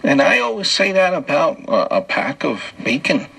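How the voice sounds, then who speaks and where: A man with a gravelly, husky voice runs through a loose solo comedy monologue. His tone is forceful and bright, and he chuckles between the punchlines. He often restarts his lines as if making it up on the spot. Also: a little high, big pitch swings, moderate pace, rough recording. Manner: wry joke-telling, chuckling between bits. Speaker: podcast host.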